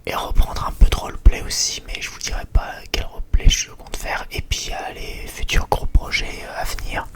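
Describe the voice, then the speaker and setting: An ASMR video creator, a man, chats in a whisper, his talk halting, rambling and hesitant.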